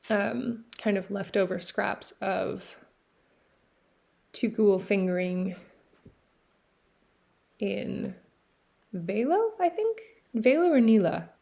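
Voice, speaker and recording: A knitting podcast host from Newfoundland, Canada, talks casually from a seaside cabin with a mid-range voice and a gravelly fry. Their chat wanders, full of fillers and quick self-corrections. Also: female voice, mid-range voice, a little mellow. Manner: chatty, rambling, with frequent fillers and self-corrections. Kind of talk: casual show-and-tell chat. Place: cabin by the sea.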